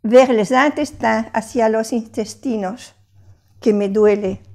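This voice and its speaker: An older woman teaching French phrases in a lesson, patiently repeating each phrase slowly. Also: fairly high pitch, a little mellow. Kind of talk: language lesson.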